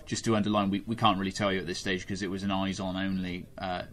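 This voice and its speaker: Male host, low voice, measured and hesitant, casual chat. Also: little pitch movement, a bit bright. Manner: measured, hesitant, many ums.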